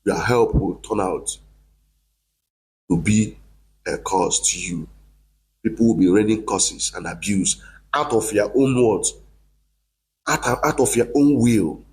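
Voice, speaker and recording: A man's voice: fairly low pitch, takes it slowly, pauses often, darkish tone, poor audio. A man delivering a heated, accusing monologue to camera, repeating himself for emphasis. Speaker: online commentator.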